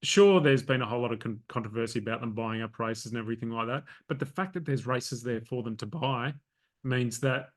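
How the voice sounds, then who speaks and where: An Australian man co-hosting a running podcast, explaining things in a calm, measured way. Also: medium pitch. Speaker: podcast co-host. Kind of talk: casual chat.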